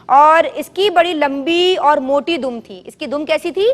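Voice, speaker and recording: High-voiced woman coaching a children's class. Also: big-room sound. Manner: quizzes children and has them repeat answers loudly. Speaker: children's show host. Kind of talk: teaching children in call-and-response. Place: television studio with children.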